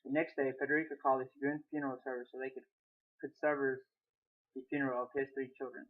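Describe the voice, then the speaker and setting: A man's voice: medium pitch, level tone, fast talker. A young man reading his own short story aloud, plainly, with small restarts, on a tinny phone-like recording. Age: young adult.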